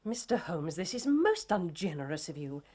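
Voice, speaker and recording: Lady Hilda, haughty and animated. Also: fairly low pitch, moderate pace, husky. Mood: affronted. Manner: imperious, formal. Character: haughty, indignant aristocratic lady. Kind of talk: period detective drama acting.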